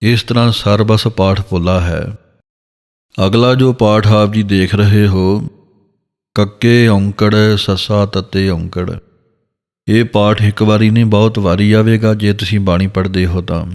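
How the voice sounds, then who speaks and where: A man teaching scripture pronunciation, slowly sounding out each word syllable by syllable. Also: lowish voice, fairly even intonation, a little mellow, in a large hall. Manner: slow, deliberate, sounds words out syllable by syllable. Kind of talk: instructional lesson.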